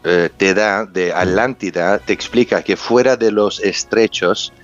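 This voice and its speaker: This interview guest, an underwater explorer and researcher, has a fairly low-pitched voice and a measured pace. He is a native English speaker with a foreign accent who gropes for words and repeats things to stress them. Music plays behind a muffled recording.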